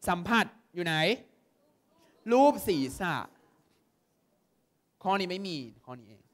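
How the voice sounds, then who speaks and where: A young man from Thailand leads an exam-prep lesson, his voice sitting high for a man. He talks in a lively way and keeps pausing to ask students whether they follow. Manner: lively, constantly checks understanding with quick questions. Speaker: tutor.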